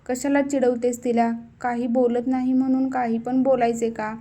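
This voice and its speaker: A woman's voice: fairly high pitch, level tone, moderate pace, mellow, close to an everyday voice. A woman reading a scolding protective mother.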